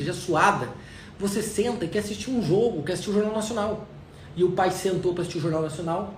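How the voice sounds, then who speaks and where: A man with a Brazilian accent giving a motivational talk, drawing out his words for emphasis. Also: high-pitched. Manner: emphatic, drawn-out stresses. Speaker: motivational speaker. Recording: echoey room, faint noise.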